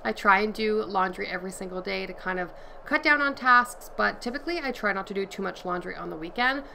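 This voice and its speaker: A woman in her thirties talks through her chores in a relaxed, chatty way, her middle-pitched voice carrying a gravelly edge. She is recorded in a home bedroom by a camera set up across the room, with a faint hiss underneath. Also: a little fast, low-quality recording. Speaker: vlogger and mother. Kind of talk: casual chat while cleaning. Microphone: camera on a tripod across the room.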